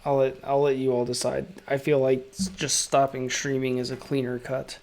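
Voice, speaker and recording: A man live-streaming while he draws, chatting casually in a monotone because of a sore throat. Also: medium pitch, moderate pace. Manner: monotone delivery. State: sore throat, resting his voice. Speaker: illustrator live-streaming his drawing.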